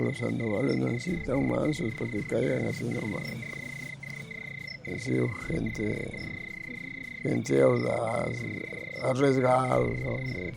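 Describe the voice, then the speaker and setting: An older man with a northern Peruvian accent and a gravelly voice tells stories informally, rambling and repeating his phrases. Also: medium pitch, rough recording. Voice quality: gravelly, creaky aged voice. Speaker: grandfather recounting local oral history. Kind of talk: informal oral storytelling.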